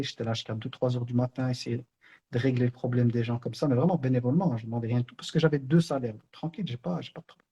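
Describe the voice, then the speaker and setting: A middle-aged online Islamic teacher from Brussels, Belgium, shares an earnest personal spiritual reminder. He tells it conversationally like a story, full of fillers, in a husky, warm voice of medium pitch.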